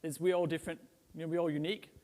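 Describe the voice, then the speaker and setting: His voice runs high and mellow with a level tone, and he races along. This middle-aged Danish conference speaker jokes casually with a live audience in a large, echoing hall, dropping frequent "um"s and adding "right?" to his points.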